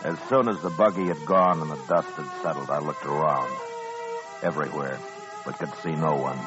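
An actor playing a stern, steady, terse frontier marshal who leads and narrates an old radio western. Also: male voice, low-pitched, natural voice. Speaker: lead character and narrator. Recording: dull old radio recording with music.

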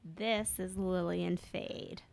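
A woman's voice: fairly low pitch, steady tone, very slow, gravelly, darkish tone, slight background noise. A woman playing a tabletop game, describing her character hesitantly with many fillers. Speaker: player.

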